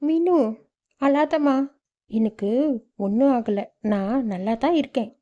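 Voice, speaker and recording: A woman's voice: sits high, expressive, takes it slowly, mellow, highs cut off. A weary poor mother. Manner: earnest, reasoning and reassuring.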